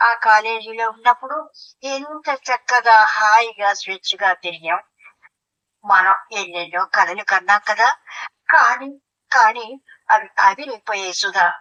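A wistful young husband, voiced by a woman, reminisces in a slow, sighing, melodramatic tone. The voice stays bright despite the lowered pitch. The recording is dull and lo-fi. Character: sentimental young husband, wistful and sweet-talking.

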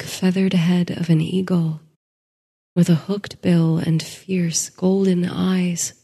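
A woman narrating a sleep story in a soft, hushed voice that slips into whispers. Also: on the low side, husky, big-room sound.

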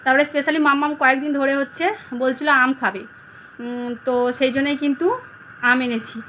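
A woman vlogger with a Bengali accent, chatting casually to viewers at home about her day, rambling with many fillers, her voice a little hoarse. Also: high-pitched, fairly even intonation, fairly quick, sharp tone, a little hiss or hum. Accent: Bengali (West Bengal). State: hoarse, throat going. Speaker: vlogger, housewife. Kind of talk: casual vlog chat to viewers.

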